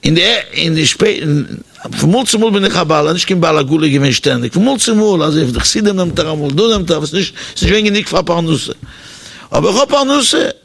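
Man, high gravelly voice, animated sermon storyteller with a hesitant, repeating delivery. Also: quick pace. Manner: animated storytelling, changing pitch for the people in the story; hesitant, with repeated words and fillers.

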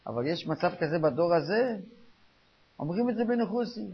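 Talking informally as a rabbi, this older man sits high in pitch and sounds expressive. He presses his points by repeating phrases and slips into Yiddish-style German, all on a dull, lo-fi recording.

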